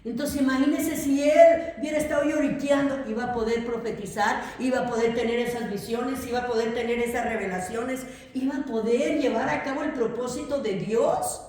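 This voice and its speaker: A woman's voice: on the high side, fairly quick, hardly any pauses, a little mellow, slight background noise. A woman teaching a theology class, emphatic, often asking questions and repeating her points. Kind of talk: classroom lecture. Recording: very echoey room.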